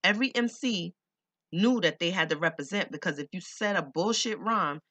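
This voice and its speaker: A man's voice: high-pitched, normal speed, bright, forceful tone, no room sound. A man reading a first-person memoir audiobook in a blunt, streetwise, profane way. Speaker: audiobook narrator.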